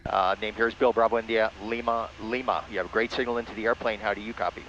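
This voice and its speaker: A man with a fairly low, fairly even voice speaks quickly as he pilots a small aircraft, delivering clipped radio calls by procedure and narrating along the way. He is a pilot and ham radio operator using an aviation headset. The recording sounds muffled, with light aircraft engine noise throughout.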